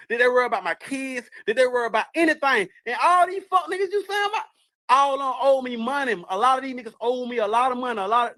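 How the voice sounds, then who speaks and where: An angry man in a heated, profane rant, repeating himself and swinging between shouting and muttering. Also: very high-pitched.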